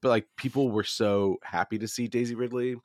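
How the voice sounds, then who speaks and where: A man's voice: mid-range voice, fairly even intonation, a little fast, darkish tone, no room sound, studio quality. A man co-hosting a podcast, telling stories with animation and laughing a lot. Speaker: podcast co-host. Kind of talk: casual chat.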